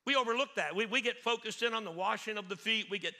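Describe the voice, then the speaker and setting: A middle-aged man preaching a sermon as pastor, animated and acting out scripture scenes with playful asides. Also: high-pitched, fast talker. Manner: animated, acts out Bible scenes in voices.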